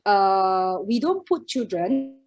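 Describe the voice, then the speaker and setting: A woman's voice: medium pitch, sing-song, extremely slow, darkish tone, dull audio. A woman with a Malaysian accent giving an informal conference talk as a preschool educator, mixing Malay with English and punctuating her points with short checking words. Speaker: guest speaker, preschool educator.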